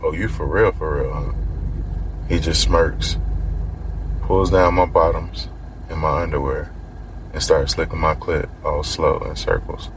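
A man with an extremely deep, low voice tells a story on his podcast. He talks casually and slangily, as if chatting with friends, and speaks the quoted lines in his own voice. A faint hiss sits under his voice. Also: low-quality recording. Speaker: podcast host. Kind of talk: casual first-person storytelling.

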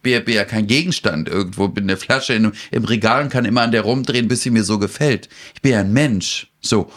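A man hosting a podcast, ranting in an animated, theatrical way and acting out conversations. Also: on the low side, a little fast. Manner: indignant, theatrical, acts out dialogue. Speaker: podcast host. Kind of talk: animated casual chat.

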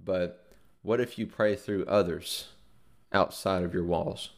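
A man's voice: sits low, fairly even intonation, slow pace. A man hosting an informal devotional talk, rambling with many fillers and restarts.

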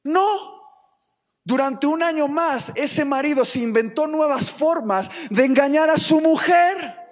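A man preaches to his congregation in a very high, bright register. He acts out the people in his stories, swinging from loud outbursts to hushed, low passages. His voice rings with the long reverb of a large hall. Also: slow. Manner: dramatic, acts out quoted people with big swings in pitch and volume. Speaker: pastor. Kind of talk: sermon.

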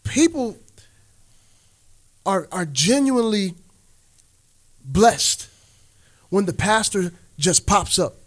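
A man's voice: sits high, big pitch swings, slow, pauses often. A man speaking emphatically and informally in a casual discussion, in the familiar way of talking to friends.

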